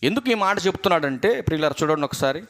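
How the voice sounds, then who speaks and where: A man's voice: fairly high pitch, expressive, rapid-fire, fairly bright tone. A male preacher with a Telugu accent giving a sermon, keeping the congregation engaged with rhetorical questions and passionate appeals.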